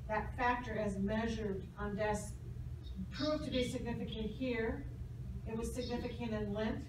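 A middle-aged woman with a slightly high voice puts halting, hedged questions as an academic examiner. She sounds far from the mic in an echoey classroom. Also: steady tone. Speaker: academic examiner on a dissertation committee. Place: small university classroom, indoors. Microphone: distant camera or phone across the room. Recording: echoey room, distant mic, noisy.

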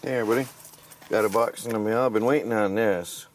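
Easygoing low-voiced man outdoors. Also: fairly even intonation, quick pace. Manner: easygoing, rambling, chuckles to himself. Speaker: homesteading vlogger. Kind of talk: casual work-along narration. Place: outdoors on a rural property. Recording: faint outdoor background noise.

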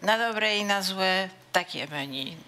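A middle-aged woman hosting a talk show, brisk, with short prompts on a headset mic. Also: mid-range voice, expressive, bright, forceful tone. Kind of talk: casual interview. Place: dim studio set.

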